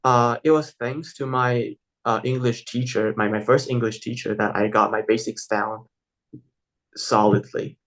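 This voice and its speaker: Young guy w taiwanese accent, halting, restarts a lot, casual interview. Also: medium pitch, fairly even intonation, a bit bright, rough recording. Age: young adult. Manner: hesitant, many fillers and restarts. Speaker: interview guest.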